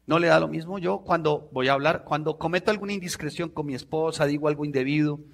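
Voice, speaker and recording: A middle-aged man, preaching a sermon in an animated way and acting out voices. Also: on the high side, fast, vocal fry. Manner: animated, acts out voices with sudden loud outbursts.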